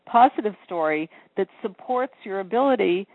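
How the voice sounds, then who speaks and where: A woman's voice: mid-range voice, lively intonation, normal speed, no echo. Woman coach on a tinny phone line. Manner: earnest, encouraging, explains step by step. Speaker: sales coach and author. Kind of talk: phone interview. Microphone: telephone.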